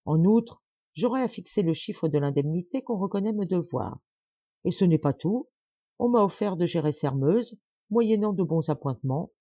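A woman's voice: on the low side, animated, normal speed, breathy edge, dry recording, dull audio. A woman reading a proud stubborn older man. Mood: satisfied. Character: proud embittered middle-aged man, stubborn.

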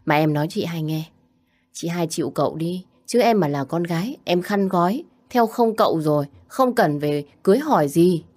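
A woman's voice: lowish voice, expressive, normal speed, a little mellow. A woman voicing a cheeky, talkative teenage younger brother with a playful, teasing manner in a spoken story.

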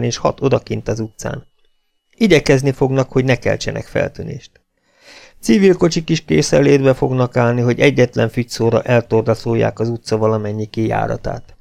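A man voicing a tough british officer in a storybook reading, firm and clipped, with a gravelly edge and an ordinary pitch. the part sounds close to the reader's own voice. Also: a little mellow, lightly acted.

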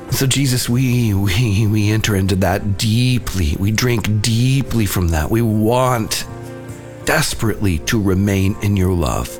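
A man of middle pitch gives a devotional reflection and prayer in an earnest, gentle manner. His delivery is heartfelt and unhurried. Faint music plays quietly behind him. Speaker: podcast host.

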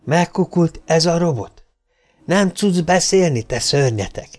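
A man reading an audiobook, voicing a hot-tempered male mathematician who blusters and shouts. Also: a little high, animated, natural voice. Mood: angry.

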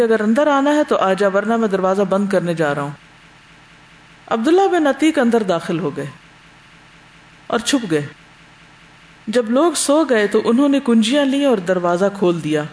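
Male religious teacher, high-pitched, reads a text aloud and explains it with rhetorical questions. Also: poor audio. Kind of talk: lecture on early Islamic history.

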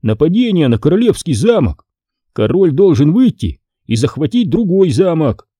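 Guy doing a bossy kid explaining rules, low mysterious, dark husky voice. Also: big pitch swings, normal speed, no echo. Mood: instructing. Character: confident boy running the game. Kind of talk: audiobook character voice.

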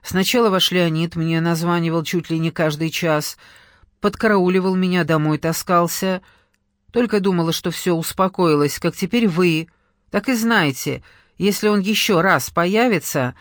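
A man's voice: high voice, normal speed, fairly bright tone, no echo. Brusque young woman, irritated and dismissive, read by a male narrator. Dry recording. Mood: harsh. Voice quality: clipped, brusque. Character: sharp-tongued young woman, hostile then grudging.

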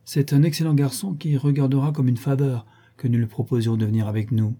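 A man voicing an effusive, teasing French theatre director in a storybook reading, pitched above his narrating voice. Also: steady tone, a little fast, warm tone, slightly rough, close to an everyday voice. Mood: jovial. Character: jovial, talkative middle-aged French theatre director.

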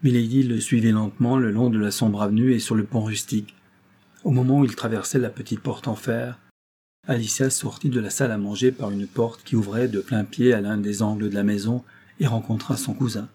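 A man narrating a classic novel in an even, literary reading style. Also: on the low side, fairly quick, a little hiss or hum. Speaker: audiobook reader.

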